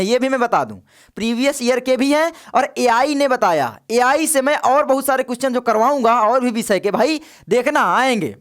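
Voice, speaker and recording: A man's voice: very high voice, fairly bright tone. A young man teaching a chatty exam revision lesson, coaxing students to answer in the comments.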